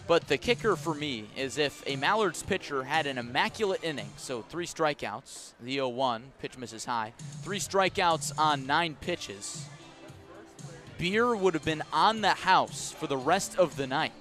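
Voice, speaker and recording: An animated man with a voice on the high side talks at a measured pace, his tone a bit bright and faint music behind him. He's handling live radio play-by-play of a baseball game at an outdoor ballpark, blending clipped calls with chatty asides.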